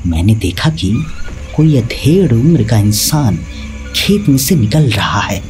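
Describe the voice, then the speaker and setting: Man, scripted horror narration, animated and dramatic, soft music underneath. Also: medium pitch, measured pace. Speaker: storyteller. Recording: faint background music.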